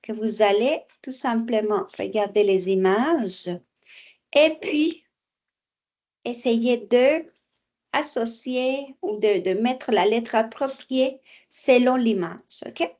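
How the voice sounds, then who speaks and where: A woman teaching French at an unhurried, deliberate pace. She explains exercises patiently, repeats each phrase and now and then slips into for her students. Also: a little high, a little mellow. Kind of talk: online language lesson, explaining exercises.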